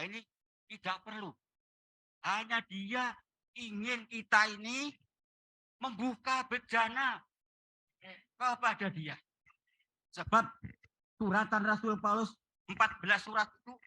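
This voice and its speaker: A man preaches at a church gathering in a high, piercingly bright voice. He exhorts his listeners and keeps addressing them directly. The sound is dry and close. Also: dry recording. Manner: exhorting, repeating address to the congregation. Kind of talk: sermon.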